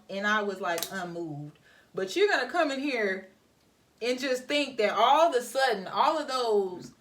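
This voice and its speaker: A young woman vlogger chatting animatedly to viewers while doing her hair, telling a story about work. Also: mid-range voice. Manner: animated, talks to viewers as y'all. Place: home, getting ready. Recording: voice somewhat far from mic.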